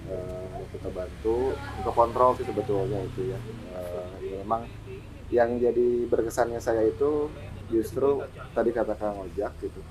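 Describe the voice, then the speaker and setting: A man's voice: fairly low pitch, fairly even intonation, normal speed, a crowd in the background, poor audio. A man, a humanitarian volunteer, recounting experiences casually and plainly in a podcast interview. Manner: casual, plainspoken, fillers like "gitu".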